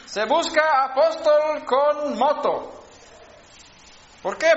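A man's voice: sits high, fairly bright tone. A man preaching a sermon, explaining word origins in a teaching manner with frequent restarts and rising to fervent exhortation. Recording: roomy, dull lo-fi sermon recording.

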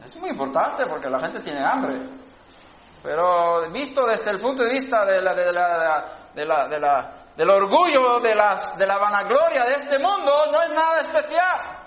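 In a roomy, dull lo-fi recording, a man preaches with a high-pitched, slightly bright voice. He teaches the roots of words, restarts often, and works up to fervent exhortation.

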